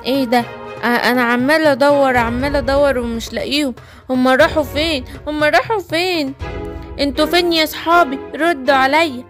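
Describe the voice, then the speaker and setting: A woman's voice: sits high, steady tone, fairly quick, faint music behind, natural voice. A woman with an Egyptian accent voicing a timid, worried young lion cub. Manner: anxious, calling out.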